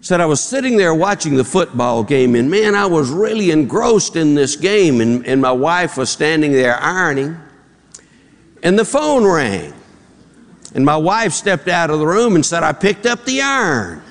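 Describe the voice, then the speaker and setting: Here a pastor's slightly high, very animated voice moves at a normal speed as he preaches. Drawling in a Southern accent, he tells folksy jokes during his sermon and acts out their voices. Recorded in a church auditorium, the sound carries long hall reverb.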